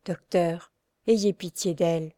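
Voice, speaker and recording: A woman's voice: on the low side, steady tone, takes it slowly, dark tone, no room sound, studio quality. A woman reading the part of a repentant young woman prisoner who speaks fervently and earnestly. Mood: firm. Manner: fervent, pleading.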